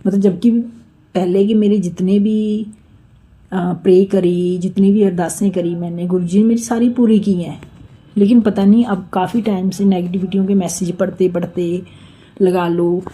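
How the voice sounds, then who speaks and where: A middle-aged woman from India recounts a personal devotional story to her listeners. Her voice is very soft, dark and mellow, sitting at an ordinary pitch. She talks in an earnest, rambling way and keeps turning to her audience. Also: steady tone, normal speed, breathy edge. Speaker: devotee sharing a testimony. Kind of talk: spoken devotional testimony.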